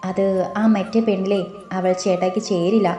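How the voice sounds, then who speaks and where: A woman voicing an eager young woman, naive but sharp-tongued when crossed, in an audio story. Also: medium pitch, little pitch movement, moderate pace, natural voice. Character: young woman, lively, naive, quick to bristle. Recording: roomy with faint music.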